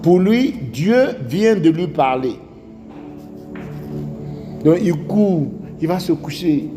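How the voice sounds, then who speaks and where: This preacher, whose accent is Ivorian French, has a high-pitched, animated voice and takes his time. His sermon mixes stories and rhetorical questions, captured in an echoey hall with soft music.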